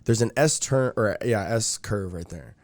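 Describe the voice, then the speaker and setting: A young man with a lowish, animated voice speaks at a moderate pace, recounting a long personal story as a podcast guest. His casual chat meanders, thick with fillers such as "like" and "dude."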